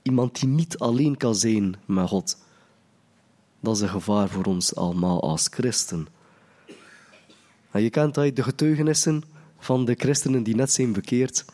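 A man delivers a sermon, earnest and searching, circling back to restart his phrases as he thinks aloud. His voice is mellow and warm, sitting at an ordinary pitch for a man. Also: lively intonation, moderate pace, long pauses. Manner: earnest, restarts phrases, acts out quoted prayers. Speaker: preacher.

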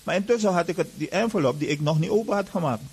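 A man's voice: fairly high pitch, animated, quick pace, breathy edge, poor audio. A man giving an earnest personal testimony to an audience, retelling events with lots of reported dialogue.

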